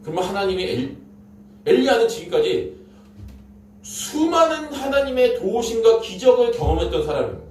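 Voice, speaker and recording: Here a man with a high, slightly mellow voice preaches in Korean, recounting the story with drama, emphasis, and repetition. The recording has room echo, a far-off microphone, and faint noise.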